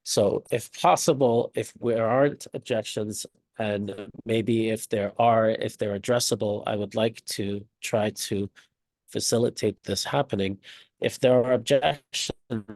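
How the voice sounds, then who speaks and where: A man with a fairly low voice talks hesitantly, pausing and filling gaps, while his call audio glitches and breaks up. The sound is dry and close apart from the choppy dropouts. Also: fairly even intonation, a little mellow, no room sound. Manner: hesitant, many fillers and pauses. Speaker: developer in a team meeting. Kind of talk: casual meeting discussion. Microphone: video call.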